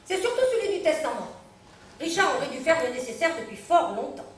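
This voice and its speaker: Tart, bawdy society widow, played by an actress on a live stage; very high voice, echoing hall. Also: female voice, big pitch swings, fairly quick, a little hiss or hum. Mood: bitter. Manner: theatrical stage delivery, tart and mocking. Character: sardonic wealthy widow, aristocratic, bitter and bawdy. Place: theatre stage. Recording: echoey theatre stage from far off.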